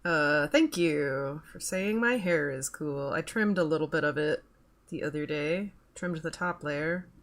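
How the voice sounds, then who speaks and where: A woman in her thirties with a low voice chats casually on a stream while working, speaking a little slowly. She rambles, swears offhandedly, and reads the chat aloud.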